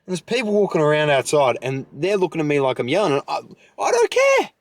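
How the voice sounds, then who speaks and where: A man's voice: on the high side, expressive, fast talker, dry recording. Fired-up young man rambling on a podcast. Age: young adult. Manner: fired-up, rambling, lots of fillers. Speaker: podcast host. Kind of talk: solo podcast monologue.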